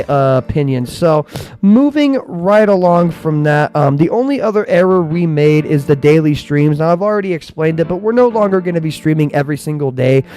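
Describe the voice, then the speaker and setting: A man's voice: on the high side, a little mellow. A man who says w for r, giving a casual, rambling update to viewers as the streamer of a gaming channel. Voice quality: trouble pronouncing R sounds, says w for r. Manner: rambling and conversational, often checks in with "right?".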